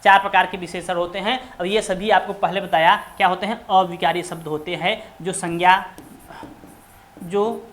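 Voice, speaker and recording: A woman teaches Hindi grammar for an exam, repeatedly posing rhetorical questions and answering them herself, at times slowing to stress words one by one. Her lowish voice has fairly even intonation, with slight background noise.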